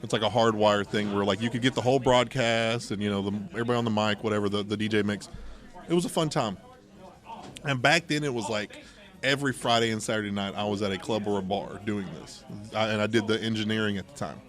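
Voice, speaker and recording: A podcast host with a lowish, slightly bright voice talks quickly in an informal chat, telling personal anecdotes and acting out bits of quoted dialogue. It's casual, anecdotal storytelling.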